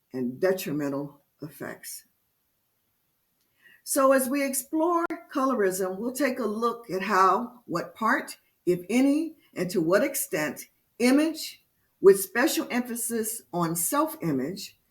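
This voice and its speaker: A woman giving a prepared lecture-style talk to a discussion group, speaking slowly and with emphasis. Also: mid-range voice. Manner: slow, deliberate and emphatic. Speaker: speaker leading a discussion series.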